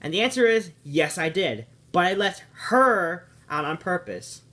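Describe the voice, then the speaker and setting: A man's voice: high-pitched, animated, a little slow, sharp tone. A man giving a casual spoken review of a cartoon series, rambling and often stopping to correct himself. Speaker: video reviewer.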